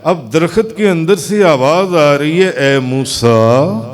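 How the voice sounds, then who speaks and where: Male Sufi preacher, Pakistani Urdu accent, slightly high pitch, dramatic storytelling sermon with chanted repetitions.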